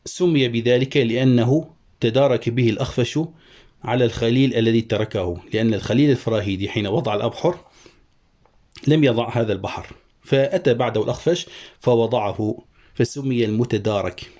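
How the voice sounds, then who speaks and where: A middle-aged man with a mellow, warm voice teaches poetic meter. He breaks verses into syllables and draws each one out slowly and deliberately, like a patient classroom teacher. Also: medium pitch. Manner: slow deliberate syllable-by-syllable scansion, drawn-out chanting of syllables. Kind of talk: Arabic prosody lesson.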